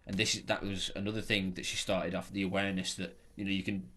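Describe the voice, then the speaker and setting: Casual young man with a low voice. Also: level tone, quick pace, bright, forceful tone. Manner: chatty, stammering restarts, agreeable. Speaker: podcast co-host. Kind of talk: casual chat.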